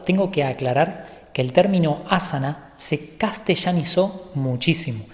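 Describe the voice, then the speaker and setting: A male yoga teacher giving an online course lecture, explaining calmly and methodically and sometimes correcting himself mid-sentence. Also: fairly high pitch, unhurried, long reverb tail.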